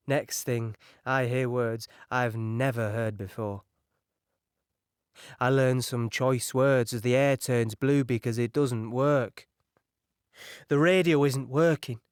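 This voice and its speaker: An actor playing a young British signaller recounting a beach landing in an audio drama, halting and shaken. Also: male voice, medium pitch, clear, resonant tone, no echo, clean studio sound, close to an everyday voice. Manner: halting, shaken, recalling horror in present tense.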